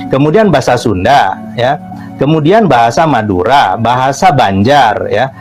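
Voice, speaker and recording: A man's voice: medium pitch, moderate pace, soft background music. A man giving an explanatory talk, with frequent "ya" fillers. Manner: lively, adds "ya" fillers.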